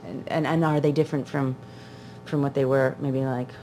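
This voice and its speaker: A woman's voice: very deep voice, steady tone, moderate pace, warm tone, a little hiss or hum. A woman interviewing a friend in a casual chat, asking curious questions and often answering with short encouraging replies.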